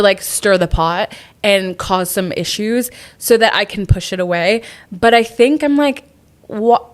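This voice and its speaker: A young woman at an ordinary middle pitch hosts a podcast and talks through dating advice. She sounds candid and reflective, as if she is working through her own feelings, and her speech is loose and full of "like" fillers. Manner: reflective and confessional, with many "like" fillers. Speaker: podcast host. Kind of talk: candid relationship advice monologue.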